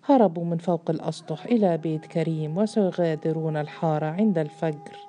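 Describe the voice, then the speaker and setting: A woman voicing a frightened, guilt-torn young woman in a storybook reading, speaking in a hushed, breathless way. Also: deep voice, quick pace. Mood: anxious.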